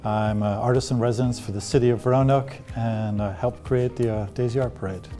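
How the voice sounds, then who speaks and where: A middle-aged man from Ireland talks through an interview, pausing often and stringing his thoughts together with fillers. His voice is dark and mellow, with faint music playing behind him. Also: medium pitch, steady tone. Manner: hesitant, halting with many fillers. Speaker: artist in residence.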